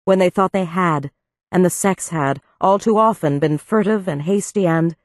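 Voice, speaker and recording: A woman narrating an audiobook with an even, measured delivery on a close studio mic. Her voice sits on the lower side. The recording is dry, with no room sound. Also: dry recording. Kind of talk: scripted narration.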